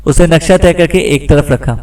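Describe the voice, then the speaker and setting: A man narrating a suspense audiobook with steady storytelling delivery. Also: a little high, normal speed, recorded from a distance, low-quality recording. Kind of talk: scripted narration.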